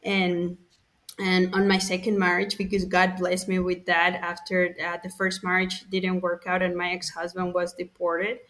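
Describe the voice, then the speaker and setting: A woman's voice: fairly low pitch, monotone, normal speed, a bit bright. A woman from Mexico, a podcast guest speaking in a candid, matter-of-fact way. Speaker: guest, pro-life ministry worker. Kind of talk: podcast interview.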